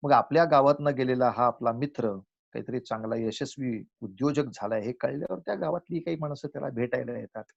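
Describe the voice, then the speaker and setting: Husky man lecturing with told stories. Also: mid-range voice, dull audio. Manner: acts out village characters in a folk tale, chants verses slowly. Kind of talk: spiritual lecture with storytelling.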